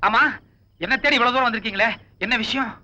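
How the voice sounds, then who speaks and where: An actor playing a cheeky, wisecracking bank thief in 1990s film dialogue, joking and mixing in English. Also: male voice, very high-pitched, quick pace, sharp tone, lo-fi sound, exaggerated voice. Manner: joking, teasing, mixes in English.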